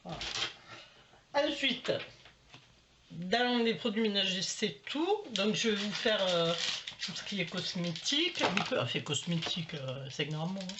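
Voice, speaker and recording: A woman's voice: mid-range voice, lively intonation, a little slow. A middle-aged woman chatting casually to camera at home, rambling and full of fillers as she shows her shopping. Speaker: vlogger showing a shopping haul. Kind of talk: casual haul chat to camera. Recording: slightly dull home recording with faint noise.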